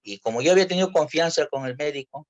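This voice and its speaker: A man from Peru, giving an earnest personal testimony in church, halting and full of restarts. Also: on the high side, animated. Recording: dull lo-fi church recording.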